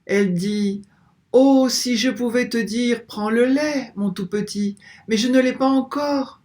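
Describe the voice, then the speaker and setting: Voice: mid-range voice, a little slow, a little mellow, voice pushed up, lightly acted. A reader voicing an awestruck young shepherd. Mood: awed.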